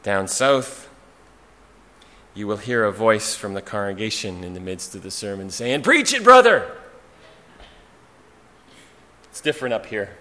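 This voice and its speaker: A pastor preaching a sermon in a church sanctuary, with a slow, rhythmic delivery built on repeated refrains and dramatic pauses. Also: male voice, fairly low pitch, a bit bright. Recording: hall reverb, faint ambience.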